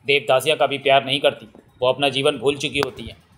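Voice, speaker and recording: A man's voice: mid-range voice, fairly even intonation, fast, fairly bright tone, a little hiss or hum, natural voice. A man voicing a stern older woman at a temple who scolds and warns, in a Hindi audiobook reading.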